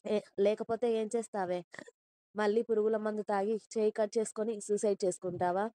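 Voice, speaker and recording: A woman's voice: medium pitch, level tone, brisk, mellow, smooth, no echo, lightly acted. A woman voicing a stern, angry young man who scolds bluntly in an audio story. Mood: scolding.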